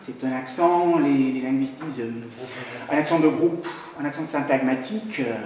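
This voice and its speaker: A man's voice: medium pitch, a little mellow, distant mic, slight background noise. French-speaking man lecturing in an echoey hall. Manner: hesitant, many pauses and "euh" fillers. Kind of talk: academic conference talk.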